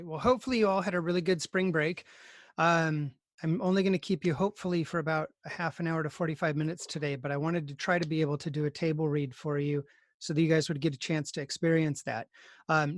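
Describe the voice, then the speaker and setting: With a fairly high pitch captured in a dry recording, a man instructs students over a video call. His teaching is conversational, and he keeps the group organized with courteous encouragement.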